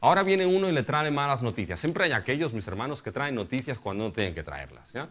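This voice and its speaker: A man's voice: mid-range voice, very animated, fast talker, fairly bright tone. A middle-aged male pastor delivering a sermon. He keeps asking the congregation rhetorical questions and addressing them as brothers.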